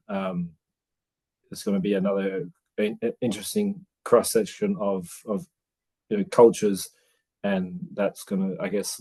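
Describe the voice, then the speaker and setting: A man's voice: low voice, a little mellow. A man in his forties from Australia, talking through his thoughts in a casual interview, hesitant, with many restarts and fillers. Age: 40s. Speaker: interview guest, new father.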